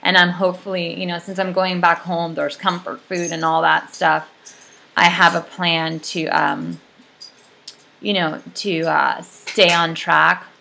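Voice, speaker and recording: A woman's voice: fairly low pitch, steady tone, measured pace, creaky, bright, forceful tone, a little hiss or hum. A young adult woman giving a casual, rambling video update, full of ums and likes. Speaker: vlogger.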